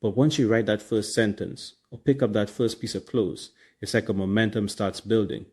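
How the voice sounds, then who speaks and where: A podcast host with a Trinidadian accent runs a casual motivational show, chatting in colloquial Caribbean slang. His voice is husky and darkish, fairly low in pitch, with a steady tone at a normal speed.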